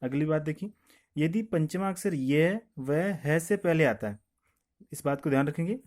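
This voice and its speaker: A man's voice: a little high, animated, measured pace, darkish tone. A man teaching grammar, who repeats each point and asks questions that he then answers himself. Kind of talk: classroom explanation with questions and answers.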